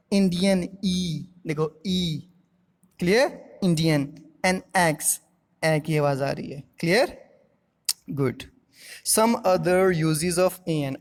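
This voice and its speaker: An Indian man teaching a grammar class at an unhurried pace, spelling out each example phrase slowly and clearly. He explains with patience and keeps checking that his students follow along. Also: high voice. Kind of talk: classroom-style grammar lesson.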